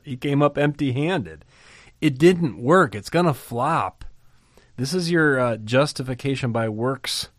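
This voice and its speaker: A man with a medium-pitched voice teaches through a Bible chapter in a lively, conversational style, posing rhetorical questions and chuckling now and then. The studio recording is clean with no echo.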